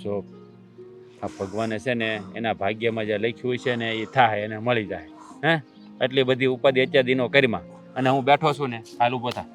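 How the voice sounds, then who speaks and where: A man's voice: medium pitch, steady tone, brisk, soft background music, close to an everyday voice. A man playing a supportive village friend who consoles with homespun wisdom. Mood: consoling. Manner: philosophizing, urging. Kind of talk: rural family stage drama.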